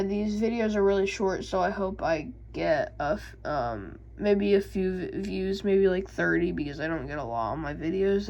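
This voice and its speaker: A young woman vlogging about game lore, halting with many ums, reading passages and then explaining them in her own words. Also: medium pitch, creaky, dull audio. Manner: hesitant, many ums and restarts. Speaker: gaming YouTuber. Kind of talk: casual vlog and lore reading.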